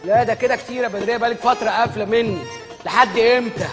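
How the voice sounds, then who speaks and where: A man's voice: very high-pitched, fairly even intonation, rapid-fire, a bit bright, faint music behind. An actor playing a frantic, lovesick Egyptian man with a drug habit in broad TV sketch comedy. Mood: pleading. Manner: frantic and overexcited.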